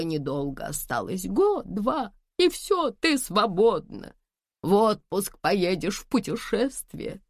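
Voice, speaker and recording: A woman reading the part of an elderly mother, gentle and worried, speaking slowly and tenderly in an audiobook. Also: very deep voice, vocal fry, dry recording, studio quality, full character voice. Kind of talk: audiobook dialogue.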